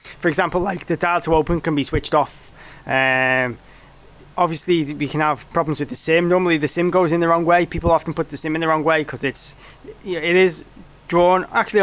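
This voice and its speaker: Rambling through an informal technical demo, a man who develops the product keeps catching and fixing his own words. He has a fairly high, slightly bright voice.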